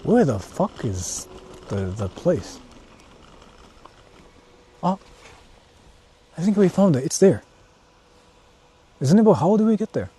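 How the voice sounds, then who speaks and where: A Japanese native speaker hosting a live stream walks through the countryside, chatting casually while thinking aloud and repeating himself, with exclamations and casual curses. He speaks slowly in a mellow, higher voice, very animated and pausing often. The outdoor audio is noisy, with vehicles passing.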